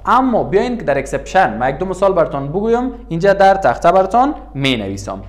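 A man with an Afghan Dari accent teaches an English lesson, saying each word slowly and more than once before he translates it. His voice sits a little high and swings widely in pitch. He teaches at a writing board. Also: sing-song. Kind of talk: bilingual classroom lesson.

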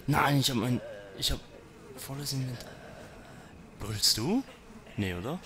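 A man's voice: medium pitch, animated, measured pace, sharp tone. A man commenting on his gameplay, talking to zombies and to himself and swearing when startled. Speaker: let's player.

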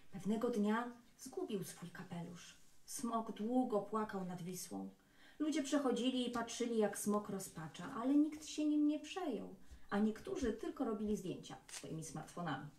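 A woman organizing a literary contest, announcing a winner and reading her story aloud with lively storytelling. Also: medium pitch. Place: hall at an awards ceremony. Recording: echoey hall from far off, faint noise.

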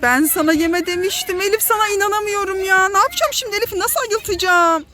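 Very high-voiced excited mother. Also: quick pace. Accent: Turkish. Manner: excited, dramatic warnings to a child. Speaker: mother filming her children. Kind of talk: family pretend-play vlog.

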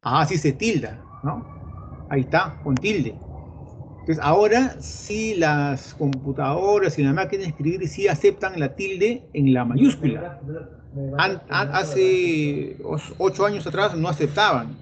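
A man's voice: fairly high pitch, animated, unhurried. A middle-aged man with a Peruvian Spanish accent teaching an online pre-university math class, chatting directly with his students. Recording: dull lo-fi audio with faint noise.

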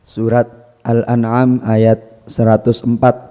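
A man teaching Quran recitation, explaining patiently and reciting Arabic verses slowly with stress. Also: mid-range voice, monotone, warm tone, in a large hall, muffled recording. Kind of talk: instructional talk with recitation demos. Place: pesantren hall.

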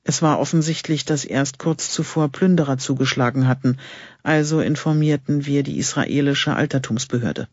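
A man reading the part of an eager, secretive male archaeologist in an audiobook, with a husky voice. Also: mid-range voice, moderate pace, darkish tone, no echo, lightly acted. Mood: explaining. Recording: dull lo-fi recording.

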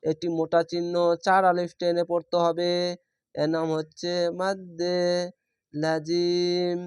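Brief: male recitation teacher, high clear voice, spells letter by letter, stretches words. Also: flat delivery, no room sound, clean studio sound. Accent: Bangladeshi Bengali. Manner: slow, spells each letter and vowel, drawn-out chanted readings. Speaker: Quran reading teacher.

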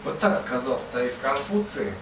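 A man with a medium-pitched, animated voice tells a comic story to an audience at normal speed, chatty, digressive and self-mocking. The recording sounds roomy, with a distant mic picking up ambient noise.

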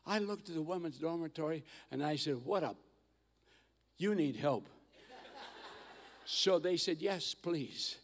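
An older man telling mission stories in a sermon on a church stage, animated and acting out the voices of the people in his stories. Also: a little high, a little slow, long pauses, a little hiss or hum. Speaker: guest missionary speaker. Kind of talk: storytelling sermon. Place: large church auditorium stage. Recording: long hall reverb.

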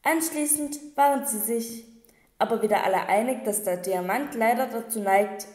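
A woman's voice: fairly high pitch, moderate pace, darkish tone, natural voice. A woman voicing a cheeky little male gargoyle demon in an audiobook, talking in a mocking, gossipy way. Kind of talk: audiobook reading. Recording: echoey room with long reverb.

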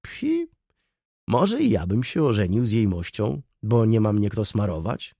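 Gruff coarse old man, blunt, low husky voice, read by a male narrator. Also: big pitch swings, unhurried, dark tone, no room sound, studio quality, exaggerated voice. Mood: mocking. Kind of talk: audiobook character reading.

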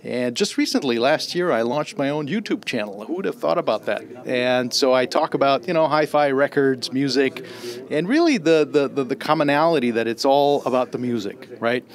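A middle-aged man from Austria speaks into a handheld mic held close, in a casual, eager introduction. He rambles, circling back with fillers and repeated starts, at an ordinary middle pitch. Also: normal speed. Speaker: audio writer and guest. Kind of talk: casual spoken introduction to camera. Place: trade show demo room.

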